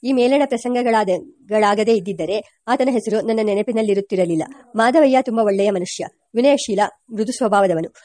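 A woman reading a memoir aloud as an audiobook narrator, steady, with occasional slips and self-corrections. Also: mid-range voice, moderate pace, no echo.

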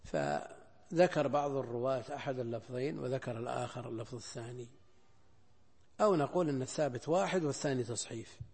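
An older man, a scholar, explaining a hadith text in a lecture. He speaks deliberately, repeating phrases and weighing options aloud. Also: mid-range voice, darkish tone, husky. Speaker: Islamic scholar teaching hadith. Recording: lecture hall with long reverb.

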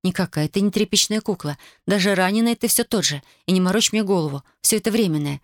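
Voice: mid-range voice, no room sound, studio quality, close to an everyday voice. A narrator voicing an earnest, proud young woman who pleads and argues in an audiobook reading. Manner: pleading, earnest, quick when upset. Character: young woman, tender but proud and hurt.

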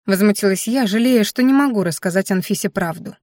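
A woman's voice: medium pitch, a little fast, a little mellow, no room sound. Woman narrating a storybook, dry sound. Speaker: audiobook narrator. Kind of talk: first-person storybook narration.

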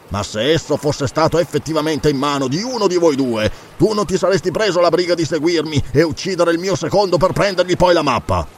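A man voicing a brash, mocking pirate captain in an audiobook, loud and bluff. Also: medium pitch, a little hiss or hum, close to an everyday voice. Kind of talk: audiobook character reading.

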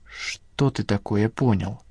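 A man's voice: mid-range voice, steady tone, normal speed, a little mellow, no room sound, close to an everyday voice. A man reading an audiobook and voicing a captive young woman who speaks in a tired, contemptuous, ironic way. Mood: weary, scornful.

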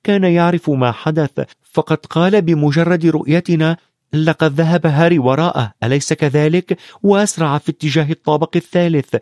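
A man's voice: on the high side, brisk, darkish tone, dry recording, studio quality, voice pushed up, close to an everyday voice. Hermione: a man doing an earnest schoolgirl. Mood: explaining. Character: clever, anxious schoolgirl. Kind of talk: audiobook character voice.

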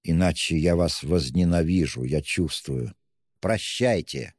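A man voicing a brooding, feverish young man who speaks in a slow, halting, grave way, in an audiobook reading with long reverb. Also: deep voice, darkish tone, breathy edge, studio quality.

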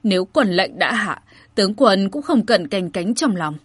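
A woman voicing a nimble old male steward who explains things quietly and patiently. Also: medium pitch, expressive, normal speed, husky, no echo. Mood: placating.

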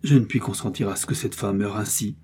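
A man's voice: fairly low pitch, fairly quick, a little mellow, slightly rough. A man voicing an impassioned young musketeer. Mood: earnest. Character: young, impassioned male musketeer, torn and grieving.

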